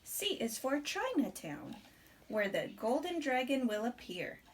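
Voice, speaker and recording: A woman's voice on the high side reads a rhyming picture book to a small child, expressive and slow in storybook fashion, with chatty interjections. Slight background noise is audible.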